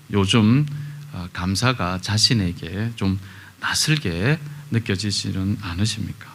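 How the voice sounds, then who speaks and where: A middle-aged male pastor gives a sermon in a church, talking in a loose, anecdotal way. His voice sits a little low but rings bright and forceful. He often pauses and hesitates with small fillers. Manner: conversational storytelling with many pauses and fillers. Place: church sanctuary.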